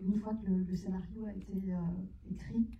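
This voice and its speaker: A woman's voice: medium pitch, flat delivery, a little fast. A woman actress of Iranian origin, answering questions at a cinema talk in hesitant phrases with many fillers. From Iran. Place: cinema hall. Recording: echoey, distant and muffled room sound.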